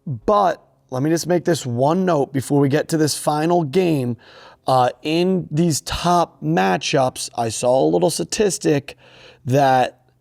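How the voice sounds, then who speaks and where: A man co-hosting a casual sports betting podcast, hyping his picks with loud animated delivery. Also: a little high, slow, creaky, dry recording, studio quality.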